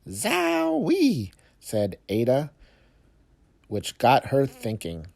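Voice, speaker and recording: Using a mid-range voice, a man reads a rhyming picture book to young children. His phrasing is expressive and measured, punctuated by emphatic pauses.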